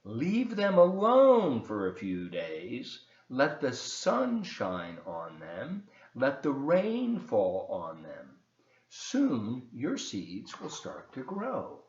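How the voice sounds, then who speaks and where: A man plays a friendly, reassuring storybook frog who gives calm advice. He speaks slowly and emphatically, with lively rises and falls, in a roomy home recording. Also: medium pitch, highs cut off, full character voice.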